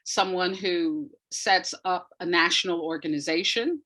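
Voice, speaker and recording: A woman from the United States, an audio drama writer appearing as an interview guest, explains things in a conversational, thoughtful way. She often hunts for the right word and stresses key points, and her lowish voice sounds pushed and bright at a measured pace.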